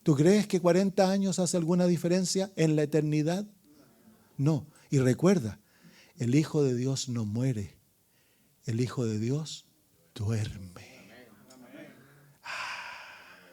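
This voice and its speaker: Speaking slowly with frequent pauses, a man whose voice sits on the high side preaches an evangelistic sermon as pastor. He dramatically alternates loud calls and hushed asides, asks the congregation questions, and calls for amens.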